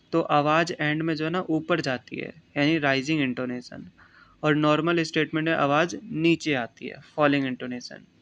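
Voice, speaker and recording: A young Indian man teaching an exam-prep lesson, reading English definitions slowly, then explaining them in Hindi. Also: a little high, a bit bright, highs cut off.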